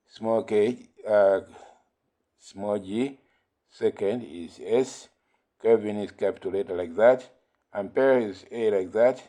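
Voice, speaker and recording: A man teaching a physics lesson, explaining slowly and repeating key points between fillers like "uh". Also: fairly low pitch, warm tone. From Malawi. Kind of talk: recorded classroom lesson.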